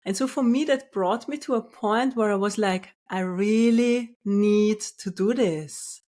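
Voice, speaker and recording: A woman in her thirties from Austria, hosting her own podcast and speaking in a calm, soft way. She talks slowly and unhurriedly, her pitch sitting in an ordinary middle range. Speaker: podcast host, spiritual business coach. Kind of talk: scripted solo podcast.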